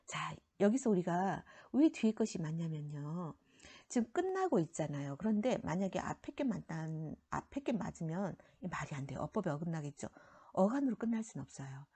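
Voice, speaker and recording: A woman teacher walks students through grammar rules in a lively voice that climbs and falls a great deal. Her tone is dark and a little husky, slightly low in pitch, and some phrases fade to a near whisper. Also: normal speed. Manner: explains grammar rules step by step, often starting with "자,". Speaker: middle school Korean teacher. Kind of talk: recorded classroom lecture.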